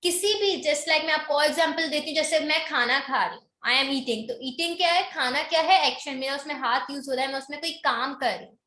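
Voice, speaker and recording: A woman teaching an English grammar lesson online, explaining in Hindi mixed with English, reading definitions slowly and often checking in with "okay?". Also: high voice, sharp tone, echoey room.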